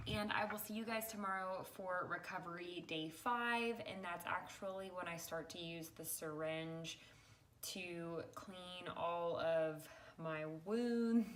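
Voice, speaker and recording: A woman's voice: fairly low pitch, a bit bright. A woman in her twenties chatting casually to camera in a home kitchen, explaining things step by step, a little tired while recovering from dental surgery. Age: 20s. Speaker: vlogger. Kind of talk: casual vlog chat to camera. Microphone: camera or phone a short distance away. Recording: echoey kitchen, clear background noise.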